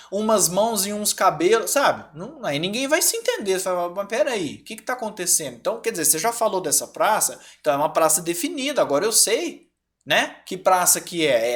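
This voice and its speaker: A Brazilian man teaches an online grammar class, and his pitch climbs and drops all through his explanations. He keeps checking that the students follow with quick little tag questions. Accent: Brazilian Portuguese. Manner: lively, checks in often with "certo?" and "tá?".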